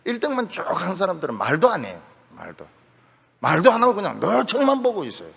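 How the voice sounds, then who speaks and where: A man's voice: high-pitched, huge pitch swings, fast talker, gravelly, a bit bright, breathy edge. An older man with a Gyeongsang accent preaching a sermon as pastor, folksy and joking, repeating his key phrases. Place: church sanctuary. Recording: church hall reverb.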